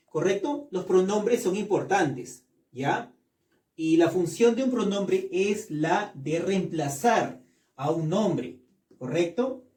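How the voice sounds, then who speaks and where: High mellow guy teaching a class real slow, repeats stuff, kinda far off the mic. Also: roomy sound. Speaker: English teacher. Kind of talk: classroom lesson.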